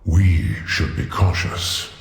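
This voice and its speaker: A man voicing a patient, cautious old dragon in a video game, a measured wise mentor. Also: a bass voice, lively intonation, vocal fry, heavily acted. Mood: patient, cautioning. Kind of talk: video game dramatic acting. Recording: echoey hall with long reverb.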